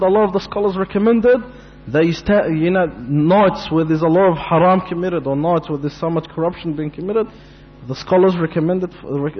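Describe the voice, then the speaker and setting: Man preaching in mosque hall, fervent, fairly high voice, long reverb. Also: dull audio, slight background noise. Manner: fervent, rising to impassioned pleading. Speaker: imam giving a mosque talk. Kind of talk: sermon.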